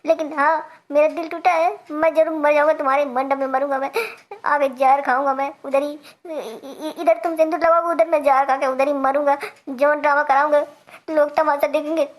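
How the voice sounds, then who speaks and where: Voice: high-pitched, flat delivery, fairly quick, close to an everyday voice. A performer voicing a jilted village man in a cartoon comedy, with an Awadhi accent, ranting, stammering and tearfully threatening his ex.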